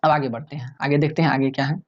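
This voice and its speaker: A man's voice: on the high side, steady tone, quick pace. Chatty male tutor, muffled lo-fi sound. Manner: conversational, addresses viewers as friends, repeats "clear?"; chatty, many fillers and restarts. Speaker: exam tutor. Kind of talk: casual explanatory lecture.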